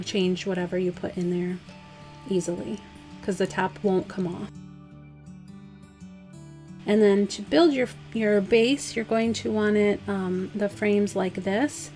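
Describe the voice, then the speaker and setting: A craft vlogger with a slightly hoarse, mid-range voice explains a craft in a casual DIY tutorial voice-over. She's relaxed and chatty, walking through the steps one by one with fillers.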